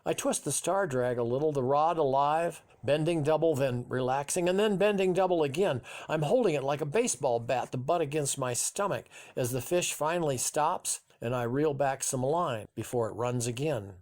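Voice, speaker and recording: A man's voice: on the high side, darkish tone. Older man telling a childhood memoir. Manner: vivid, measured telling. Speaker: memoir narrator. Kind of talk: scripted storytelling narration.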